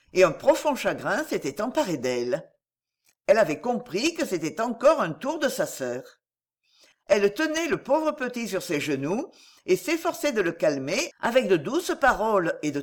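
A woman narrating a fairy tale in a measured, expressive storybook reading. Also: medium pitch.

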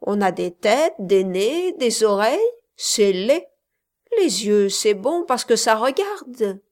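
A woman's voice: fairly high pitch, big pitch swings, slow pace, a little mellow. A woman voicing a naive, playful young girl in a storybook reading, with a teasing singsong lilt. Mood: dreamy.

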